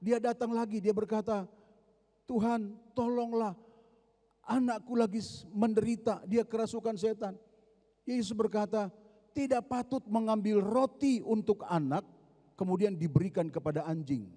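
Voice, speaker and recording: A man's voice: high-pitched, moderate pace, mellow. A man with an Indonesian accent preaching a sermon as a pastor in a large church hall, telling a story dramatically with emphatic rises. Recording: long hall reverb.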